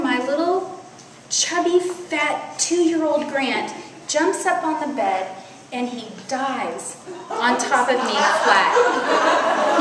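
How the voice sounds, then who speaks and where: A woman in her forties, a loud, animated speaker, telling a personal story at a church women's conference. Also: sits high. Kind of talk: storytelling sermon. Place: large hall at a church retreat. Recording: echoey hall, faint noise.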